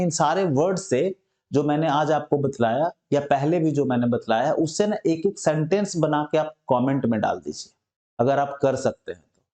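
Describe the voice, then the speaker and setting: A man's voice: a little high, dark tone. Man teaching English words in an echoey room. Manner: explains each word slowly, often asks "understood?". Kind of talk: Hindi-language English vocabulary lesson.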